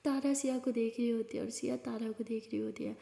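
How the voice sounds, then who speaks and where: A woman's voice: on the high side, steady tone, brisk, creaky, mellow. A woman telling a love story casually, chatty and full of fillers. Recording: roomy with long reverb.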